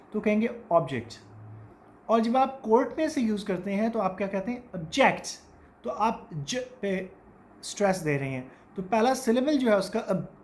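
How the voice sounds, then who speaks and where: A woman teacher giving a lecture, explaining a text in Hindi-Urdu and reading English passages slowly. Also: mid-range voice, warm tone, slight background noise. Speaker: literature teacher.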